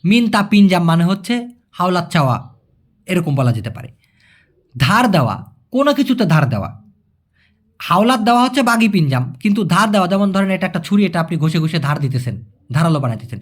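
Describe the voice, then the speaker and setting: A man from Bangladesh teaching a language lesson. He explains patiently, says each word slowly more than once and stops to check that listeners follow. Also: high-pitched, sing-song.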